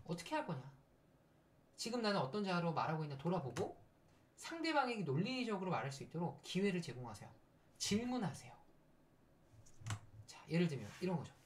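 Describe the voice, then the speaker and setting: A woman's voice: fairly low pitch, fairly quick, long pauses, a little hiss or hum. A middle-aged woman lecturing on conflict and communication in a recorded university class, often acting out short quarrel lines. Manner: lively, acts out quarrel lines in quotes.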